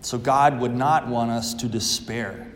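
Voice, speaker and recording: A man speaking as a priest at church, solemn and measured with deliberate pauses, his voice in a long cathedral echo. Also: medium pitch, fairly even intonation, a little hiss or hum. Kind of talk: Gospel reading and homily. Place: large church, indoors. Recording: echoey church with long reverb.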